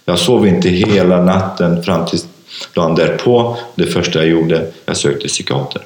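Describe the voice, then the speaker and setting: A man telling his personal story in an interview, speaking haltingly with many fillers and restarts. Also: deep voice, a little mellow. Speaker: interview guest, author. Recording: echoey room.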